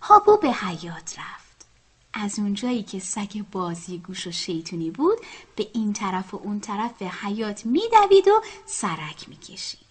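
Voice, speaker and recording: A woman reading a children's animal story aloud in a soft, hushed whisper. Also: medium pitch, sing-song, breathy edge. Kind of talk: whispered bedtime story narration.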